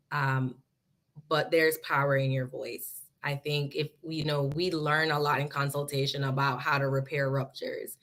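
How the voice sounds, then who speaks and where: A woman's voice: deep voice, a bit bright. A woman graduate student speaking earnestly on a panel discussion over a video call. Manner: earnest, laughs while teasing.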